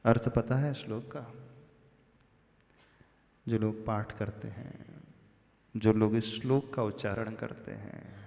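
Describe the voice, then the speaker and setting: A man gives a sermon at an unhurried pace, asking his listeners questions and teasing them with gentle humor. His voice rings with a long reverb in a large temple hall. The recording is dull and lo-fi. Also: mid-range voice. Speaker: Jain monk preacher. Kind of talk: sermon to a live congregation.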